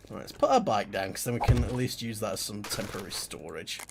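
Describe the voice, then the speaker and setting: A man's voice: lowish voice, fast talker, vocal fry. Goofy guy streaming a game at home, rambly chat, hiss in the background. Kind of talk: live game stream commentary. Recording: steady background noise.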